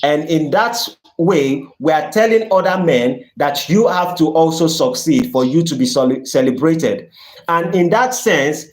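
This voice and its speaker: A man's voice: fairly high pitch, unhurried. A man with a Nigerian accent talking earnestly on a livestream, repeating phrases to press his points. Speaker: channel host. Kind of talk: livestream talk reading viewer donations. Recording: roomy echo.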